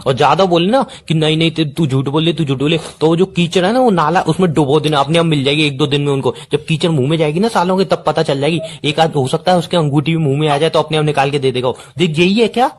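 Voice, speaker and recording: A man's voice: on the high side, quick pace, few pauses. A young man in a comedy phone-call skit, playing a boyfriend who scolds angrily and sarcastically.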